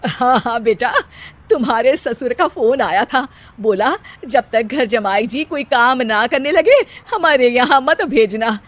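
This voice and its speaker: A woman voicing a long-suffering middle-aged father, measured and dryly resigned. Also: fairly high pitch, lively intonation. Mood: resigned, wry.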